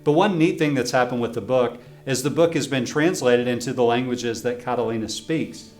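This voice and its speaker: A man reads his own children's book aloud as a friendly storyteller, pausing to ask young listeners questions. He speaks at normal speed in a mid-range, slightly mellow voice, in a room with a noticeable echo and faint guitar music.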